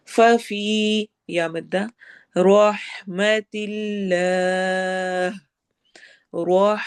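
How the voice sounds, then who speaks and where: A woman with a Pakistani Urdu accent teaching recitation rules, switching between quick explanations and slow modeled readings. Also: fairly low pitch, gravelly, a little mellow. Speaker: Quran teacher.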